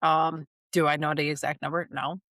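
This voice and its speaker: A woman's voice: low-pitched, little pitch movement, normal speed, fairly bright tone, no echo, clean studio sound. A young woman co-hosting a podcast in casual chat, rambling and earnest, often restarting mid-sentence. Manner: rambling, self-interrupting, earnest. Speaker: podcast co-host.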